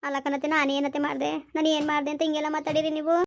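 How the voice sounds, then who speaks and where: A woman's voice: high voice, completely flat delivery, rapid-fire, creaky. A woman, playing a hurt, pleading young daughter-in-law in a homemade village family drama. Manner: pleading, keeps asking what she did wrong. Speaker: village skit actor.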